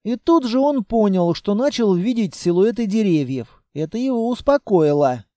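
Guy reading an audiobook, steady, fairly high voice, dark and dry. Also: moderate pace, no room sound. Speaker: audiobook narrator. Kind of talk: scripted narration.

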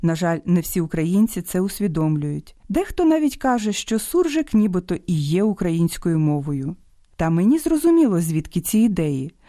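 Lively, warm-toned woman radio host. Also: lowish voice, normal speed, no room sound, studio quality. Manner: didactic, lively emphasis on quoted words. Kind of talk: scripted radio talk.

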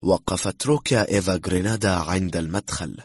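Deep husky guy narrating a thriller audiobook, calm and even. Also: dry recording, clean studio sound. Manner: steady, measured storytelling. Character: calm, cool-headed man bluffing.

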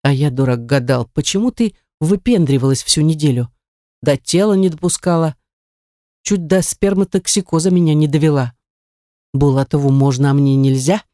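Audiobook heavy: woman reader doing a snarling jealous young man, lowered voice, mellow and dry. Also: moderate pace, no echo, natural voice. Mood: menacing. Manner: snarling, sneering. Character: menacing jealous young man, cruel and mocking.

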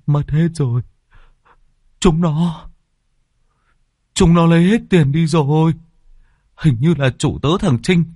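A man's voice: a little high, takes it slowly, long pauses, mellow, dry recording, clean studio sound, voice pushed up. A man voicing a panicked male servant crying out in fretful alarm, in a horror story reading. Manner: breathless fretful outcry.

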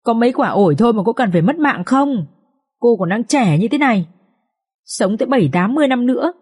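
A young maid girl sobs and pleads in a high, thin voice, as a woman narrator puts her on. Her words spill out in a tearful wail. This is an audiobook character reading. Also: expressive, moderate pace, a little mellow. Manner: wailing, pleading.

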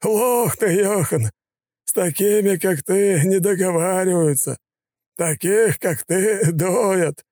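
A bloated, sneering gangster boss drawls his taunts in a high, slow voice. He sounds smug and cruel. The recording is dry and close. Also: a little mellow, dry recording. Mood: mocking. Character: fat sneering male gangster boss, mocking.

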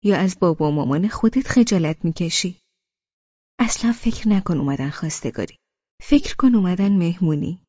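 A woman voicing a lively young woman who scolds and teases her friend. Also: fairly low pitch, breathy edge, no echo, highs cut off. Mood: scolding. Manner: scolding, teasing.

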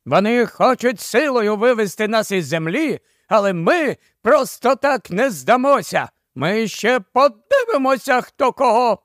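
A man voicing a pompous, cowardly mayor whose voice cracks into falsetto. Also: animated, normal speed, dry recording, clean studio sound. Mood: blustering. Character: pompous cowardly male mayor, shrill blusterer.

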